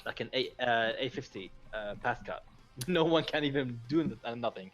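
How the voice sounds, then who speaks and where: A man co-hosting a casual gaming podcast, talking hesitantly with lots of pauses and restarts. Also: mid-range voice, expressive, fairly bright tone. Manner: hesitant, many fillers and restarts, laughs easily. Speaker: podcast co-host. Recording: faint music bed behind.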